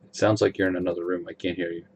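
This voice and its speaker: A man's voice: low-pitched, rapid-fire, slight background noise. A man casually commentating a card game over a call, explaining costs and plays. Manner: relaxed, explains mana costs.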